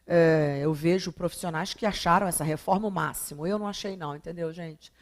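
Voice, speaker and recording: A Brazilian woman teaching a recorded grammar lesson, asking rhetorical questions and drawing out words for emphasis. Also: lowish voice. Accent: Brazilian Portuguese. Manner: emphatic, drawn-out syllables when stressing examples; rhetorical questions answered herself.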